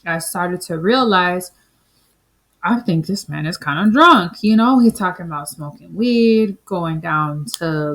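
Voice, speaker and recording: A woman's voice: on the low side, poor audio. Caribbean-born woman in her 30s, vlogging, loose chatty storytelling, lots of "like", takes her time. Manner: chatty and reflective, heavy use of "like" and "you know". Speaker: spiritual vlogger. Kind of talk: casual personal storytelling.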